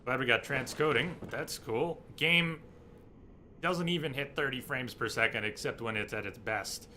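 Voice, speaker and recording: A man giving casual live gameplay commentary as a streamer, haltingly thinking aloud. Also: mid-range voice, bright, forceful tone. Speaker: video game streamer. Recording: noisy, game sound behind voice.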